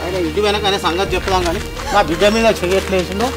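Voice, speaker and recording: Man as fretful Telangana village dad, loud and pleading, high-pitched and quick, music underneath. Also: fairly even intonation, natural voice. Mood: anxious. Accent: Telangana Telugu. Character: worried village father, protective of daughter. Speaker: father. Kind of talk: village family drama acting.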